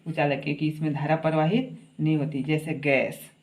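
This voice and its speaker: Fairly quick and flat in delivery, this man's slightly mellow, high-side voice carries an everyday science lecture. In a coaxing classroom manner, he calls students "babu" and answers his own short questions.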